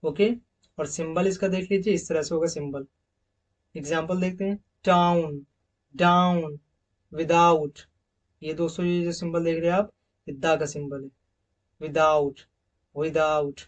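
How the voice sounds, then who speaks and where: An English teacher goes through phonetics slides lecture-style, drawing out and repeating each example word louder and with emphasis before returning to quick explanations. His voice is fairly high with a steady tone.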